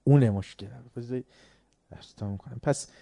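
Male lecturer, story-driven and emphatic, warm mellow tone, dead-dry sound. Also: medium pitch, vocal fry, breathy edge, dry recording. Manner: storytelling, acts out dialogue, grows emphatic. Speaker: religious lecturer. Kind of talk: lecture with anecdotes.

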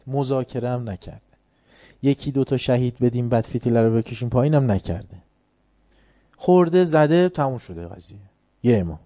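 A man with a very dark, mellow voice at a medium pitch delivers a religious lecture in everyday colloquial language. He teaches by putting rhetorical questions to his listeners and answering them himself. The sound is dry, with little room echo.

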